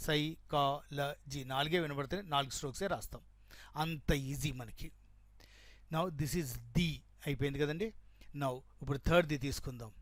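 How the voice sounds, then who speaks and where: A man's voice: on the high side, a little fast, no room sound. A man teaching shorthand, explaining each stroke step by step as he draws and checking that students follow. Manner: explains step by step while drawing, repeating terms and checking with "right?". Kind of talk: classroom lesson, mixing Telugu and English.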